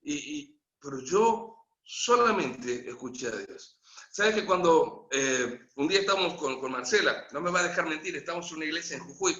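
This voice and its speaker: A man with an Argentine Spanish accent preaching a storytelling sermon in a church, lively and humorous, acting out the story with quoted voices. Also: on the high side, normal speed. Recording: echoey church hall, dull lo-fi.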